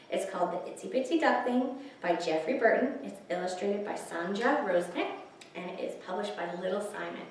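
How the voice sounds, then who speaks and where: At a story time for young children, a woman with a medium-pitched voice introduces and reads picture books, using simple, encouraging phrases, with reading and singing along. The recording has slight background noise and was made far from the mic in a very echoey room.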